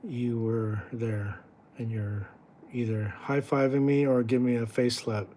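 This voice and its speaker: A man talks to his livestream viewers from a room full of houseplants, rambling and joking as his thoughts drift. His voice sits at an ordinary middle pitch, and a faint hum of background noise runs under it. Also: fairly even intonation, measured pace, mellow. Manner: rambling, jokey, distracted, self-correcting. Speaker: livestream host. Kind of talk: casual livestream chat with viewers. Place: home room with houseplants, indoors.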